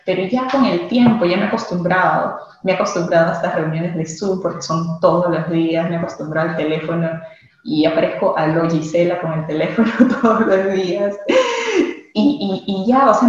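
A woman's voice: fairly low pitch, darkish tone. A woman from Peru, a guest speaking thoughtfully in a casual interview, often restarting and adding tag questions. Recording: very echoey, dull lo-fi sound.

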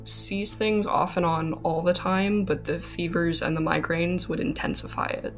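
A woman's voice: fairly low pitch, fairly even intonation, moderate pace, soft background music. A woman guest on a podcast, telling her story casually and hesitantly, with many fillers.

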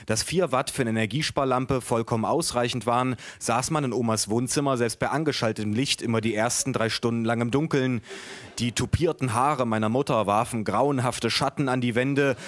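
Man reading comic prose deadpan. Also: mid-range voice, fairly quick, no room sound. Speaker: author.

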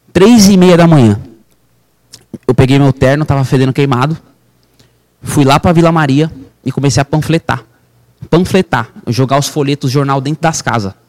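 A Brazilian real estate broker, guesting on a podcast, tells an emotional personal story with intense, fervent delivery, calling the listener "irmão". His voice is a little high and a little mellow.

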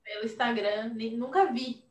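A woman's voice: a little high, fairly even intonation, normal speed. A woman co-hosting a casual podcast chat, chiming in with teasing remarks. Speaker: podcast co-host. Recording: roomy echo.

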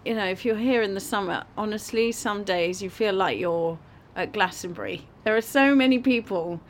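A woman's voice: mid-range voice, moderate pace, slight background noise. Enthusiastic woman head chef. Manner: enthusiastic, warm about her work. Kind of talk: casual conversation.

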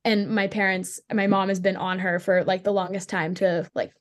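A young woman from Pittsburgh talks as a guest on a casual podcast. She is bubbly and chatty, with a mid-range pitch, and she scatters "like" through her sentences. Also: flat delivery, moderate pace. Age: young adult. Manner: bubbly, chatty, many "like" fillers. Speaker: college hockey player, guest. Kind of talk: casual interview chat.

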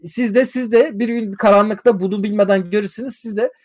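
A man in casual chat, telling an animated story and swearing freely. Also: sits high, a little fast.

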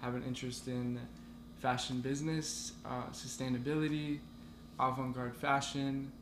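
A man's voice: mid-range voice, level tone, moderate pace. A young man as a podcast guest, talking in a laid-back, rambling way full of fillers. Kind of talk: casual chat. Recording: echoey room with background noise.

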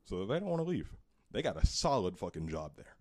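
A man's voice: low voice, sing-song, brisk. A man ranting heatedly about politics in casual chat, swearing often.

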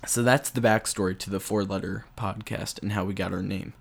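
A man's voice: lowish voice, steady tone, fairly quick, gravelly, slightly rough. A young man hosting a casual solo podcast, rambling with frequent chuckles and filler words. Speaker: podcast host.

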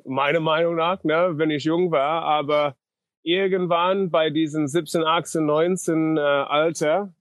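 An American man speaking halting German. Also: fairly high pitch, fairly even intonation, dry recording. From North Dakota, USA. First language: English. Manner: halting non-native German, searching for words. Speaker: guest, pitching coach. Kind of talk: casual interview chat.

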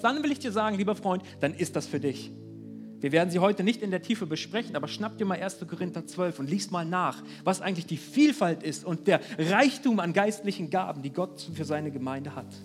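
High-pitched man, pastor, earnest animated sermon, faint music underneath. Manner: earnest, animated preaching with direct address. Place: church service.

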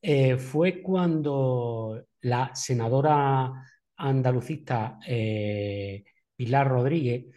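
A man interviewing a guest, asking long questions with many hesitant filler pauses. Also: medium pitch, warm tone.

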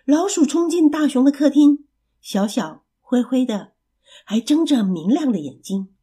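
A woman storyteller reading a children's story aloud in an expressive, animated way. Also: sits high, unhurried, breathy edge.

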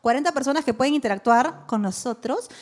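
High-voiced Peruvian woman telling stories. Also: brisk. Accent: Peruvian Spanish. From Peru. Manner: animated, slangy, acts out quotes. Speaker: podcast co-host. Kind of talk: casual live podcast storytelling. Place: live recording before a small audience.

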